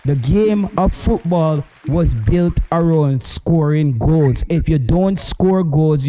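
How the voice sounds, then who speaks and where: A man's voice: fairly high pitch, mellow, poor audio. A man with a Jamaican accent hosting casual livestream football commentary, opinionated and emphatic, repeating phrases to drive points home.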